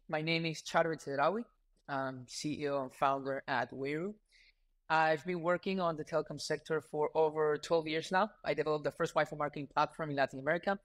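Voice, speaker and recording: Man from Ecuador in his thirties, guest. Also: on the high side. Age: 30s. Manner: relaxed, earnest storytelling with frequent fillers. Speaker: podcast guest, startup founder. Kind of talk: casual interview talk.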